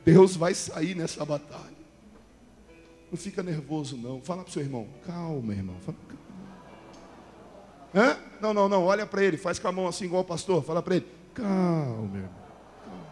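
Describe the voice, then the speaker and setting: A male pastor preaching a fervent Pentecostal sermon, swinging from quiet talk to shouting. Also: a little high, expressive, fairly quick. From Brazil. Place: large church hall. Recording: church hall reverb with faint music.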